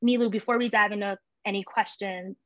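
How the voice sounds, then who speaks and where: A woman's voice: medium pitch, fairly even intonation, a little fast, no room sound. A woman moderating a professional interview, reading prepared introductions in a polished way with the odd filler, over a video call. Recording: dull, dry lo-fi audio.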